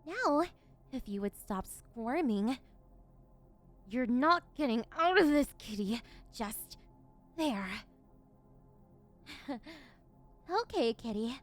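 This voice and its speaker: A woman performs a possessive yandere villainess in an audio ASMR role-play. Her voice is high and swoops widely, slipping between sugary, teasing coos and unhinged, domineering commands, with music underneath. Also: lively intonation, slow, long pauses. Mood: indignant, menacing. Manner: cooing, teasing baby-talk turning domineering, unhinged villain. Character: possessive, gleefully unhinged yandere woman, condescending captor of catboy.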